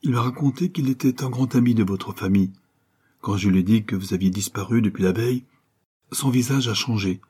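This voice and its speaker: A man reading an audiobook, voicing a voluble, kindly older woman who runs a boarding house, gushing and effusive with breathy asides. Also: fairly low pitch, a little fast, darkish tone. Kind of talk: audiobook character voice.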